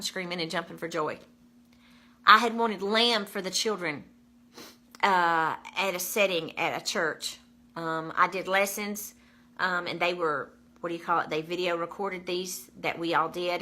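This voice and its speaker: Bright-voiced woman giving an emphatic testimony. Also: medium pitch. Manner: emphatic, repeats numbers, exclamatory. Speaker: vlogger sharing a faith testimony. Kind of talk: casual spoken testimony.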